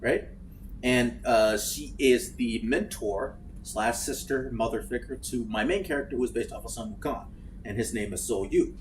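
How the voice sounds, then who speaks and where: A man chatting casually while playing a game, swearing freely and breaking into loud outbursts. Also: medium pitch, normal speed, a little hiss or hum. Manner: animated, swears freely, bursts into shouts. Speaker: gaming streamer. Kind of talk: casual let's-play chat.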